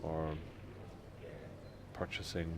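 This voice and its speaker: A man from Scotland, giving measured, analytical live commentary on a pool match. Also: extremely low pitch, completely flat delivery, creaky. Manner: measured, analytical shot-by-shot remarks. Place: busy pool venue. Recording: crowd noise in a venue. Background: crowd chatter.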